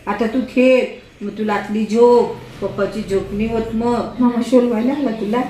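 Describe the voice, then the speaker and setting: In a casual family chat at home, a grandmother playfully teases her grandson with laughing baby talk. Her voice sits on the high side, dark and steady in tone, at a moderate pace, recorded indoors in an echoey room with faint noise.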